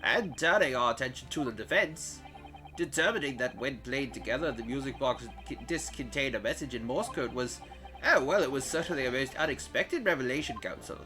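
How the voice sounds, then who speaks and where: A man voicing a stern older male judge in a courtroom video game, speaking formally and gravely. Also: medium pitch, lively intonation, fairly quick, pushed and bright, soft background music.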